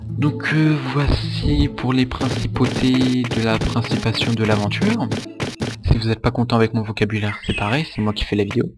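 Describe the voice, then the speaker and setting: A man's voice: medium pitch, normal speed. A man casually commentating his gameplay, rambling and joking, with swearing at mistakes. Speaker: let's play host. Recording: loud game music behind.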